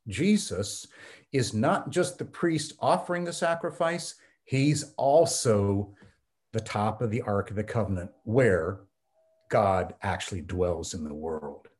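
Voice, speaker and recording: Speaking slowly with animation, this American man, a theology professor and pastor, teaches earnestly as a podcast guest, often saying um. His voice sits fairly low and has a darkish tone throughout the conversational interview.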